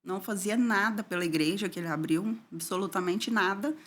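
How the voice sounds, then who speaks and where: A middle-aged woman from Brazil, an interview guest giving an emotional personal testimony, her voice dropping low and soft and tearful at painful moments. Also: fairly quick.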